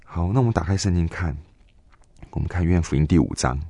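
Young guy telling his story, really low voice, kinda halting w lots of fillers, dry close sound. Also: expressive, dark tone, no echo. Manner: earnest, halting, with many fillers and restarts. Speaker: guest giving a faith testimony. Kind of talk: emotional personal storytelling.

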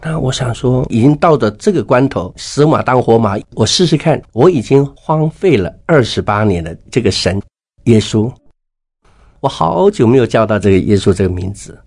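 A man's voice: medium pitch, lively intonation, normal speed, a little mellow. A middle-aged man giving a personal faith testimony as an interview guest, telling his story with emotion and acting out the dialogue.

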